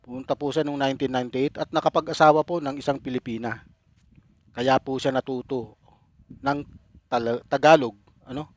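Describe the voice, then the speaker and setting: A man with a Filipino accent hosts a reaction video in an emphatic, deliberate manner. His voice sits at a medium pitch, recorded dry and a little dull. He addresses viewers informally and repeats his points. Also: steady tone, no room sound. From Philippines.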